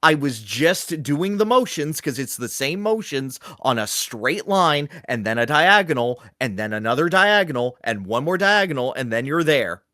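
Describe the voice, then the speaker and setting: Animated man in casual gaming chat. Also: a little high, dry recording, studio quality. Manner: animated, slips into quick comic voices for quoted lines. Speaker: podcast co-host.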